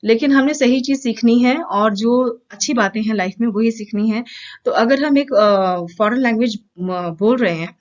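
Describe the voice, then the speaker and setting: A woman with an Indian accent teaching correct English pronunciation in a casual lesson, explaining patiently with many pauses and repeated examples. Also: on the high side, lo-fi sound.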